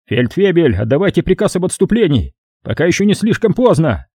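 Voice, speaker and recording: A man voicing a hardened veteran soldier who shouts frantically, pitched well above his own voice. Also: very animated, fairly quick, breathy edge, no room sound, clean studio sound. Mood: frantic.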